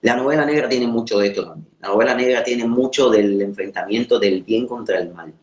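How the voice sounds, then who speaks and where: Caribbean spanish accent guy teaching a class, kinda low voice, echoey room, stops for words then repeats stuff for emphasis. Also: a little mellow, dull audio. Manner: emphatic repetition for rhetorical effect, halting word searches. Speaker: course lecturer. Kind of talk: informal literature lecture. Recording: roomy, echoing sound.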